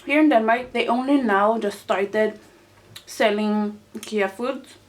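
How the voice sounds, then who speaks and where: A young woman hosting a casual mukbang, chatting excitably to viewers as she eats. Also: fairly high pitch, measured pace. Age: teenager to young adult. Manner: excitable, exclaiming, talking to viewers while eating. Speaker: mukbang host. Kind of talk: casual mukbang eating chat to camera.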